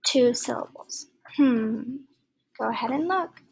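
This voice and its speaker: A woman teacher walks through a grammar lesson at an unhurried pace. Her voice sits a little high, and she explains patiently, with soft asides and small fillers. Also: vocal fry, husky, poor audio. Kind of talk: recorded online grammar lesson.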